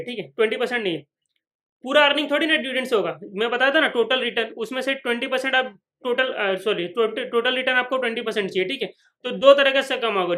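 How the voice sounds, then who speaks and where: A man with a very high, pushed, bright voice teaches finance at a whiteboard. He repeats every point, keeps checking that students are following, and voices questions from imagined students.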